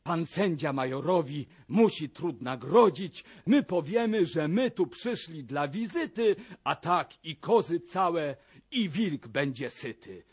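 A sly, coaxing old army captain. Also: male voice, a little high, expressive, slow pace, breathy edge, full character voice. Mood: wheedling. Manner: coaxing, folksy, full of proverbs. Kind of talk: radio drama acting.

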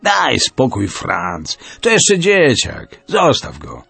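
A man voicing a calm soldier who pulls an angry comrade away. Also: mid-range voice, slow, gravelly, slightly rough, no echo, soft background music, full character voice. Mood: placating. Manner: calming, persuasive. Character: calm male German soldier, placating comrade.

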